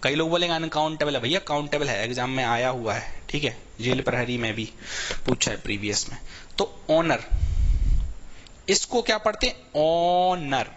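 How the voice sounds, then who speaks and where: A man's voice: mid-range voice, lively intonation, moderate pace, a bit bright, slight background noise. A male teacher explaining English grammar in Hindi, often asking his students rhetorical questions, with Indian-accented English words. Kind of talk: online exam-prep class.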